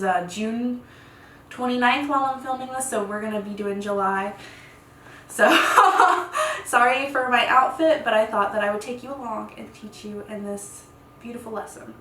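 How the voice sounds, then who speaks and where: A woman in her thirties giving a casual, rambling tutorial at home, chatty and quick to laugh. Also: medium pitch. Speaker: content creator teaching lighting. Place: home room set. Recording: echoey room, distant mic, faint hiss.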